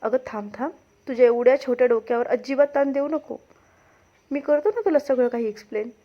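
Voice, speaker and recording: A woman voicing a swaggering young male hero who shouts threats at a villain. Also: high voice, fairly quick, lo-fi sound. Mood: mocking. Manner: loud, menacing.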